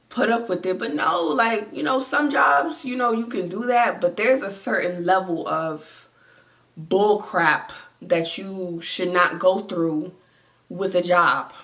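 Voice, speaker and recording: Lying down at home, a young vlogger with a congested voice rambles through viewer comments, packing her casual chat with fillers. Her voice sits on the low side and has a slightly bright quality.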